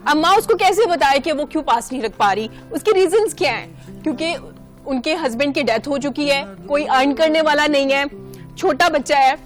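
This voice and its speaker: A woman's voice: high voice, normal speed, faint music behind. A woman hosting a morning talk show, telling a story in an earnest, emotional tone.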